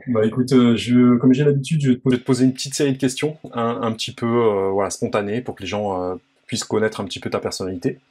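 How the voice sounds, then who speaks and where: A man's voice: medium pitch, steady tone, fast, hardly any pauses, a little mellow, slightly rough. Man hosting a casual interview. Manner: friendly, informal questioner with frequent hesitations. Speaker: interview host. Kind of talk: casual interview, rapid-fire questions.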